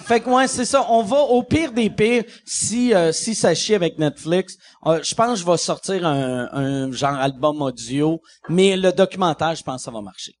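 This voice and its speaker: A man in his forties with a Quebec French accent, hosting a podcast and telling profane, laugh-filled stories to a live audience. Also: high-pitched. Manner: rapid, profane storytelling with frequent laughs. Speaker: podcast host. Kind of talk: casual chat before a live audience.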